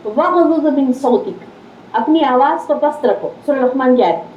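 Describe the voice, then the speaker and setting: A woman's voice: high-pitched, a little hiss or hum. A woman religious teacher with a Deccani Urdu accent giving a conversational Islamic lecture, repeating her key phrases. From India. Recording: roomy, slightly dull hall recording.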